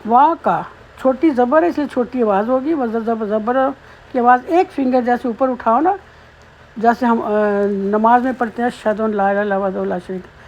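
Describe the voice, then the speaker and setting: High-voiced woman teaching Quran recitation. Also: a little mellow, dull audio. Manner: slow melodic chanting of verses, then patient spoken explanation. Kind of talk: tajweed lesson, recitation with explanation.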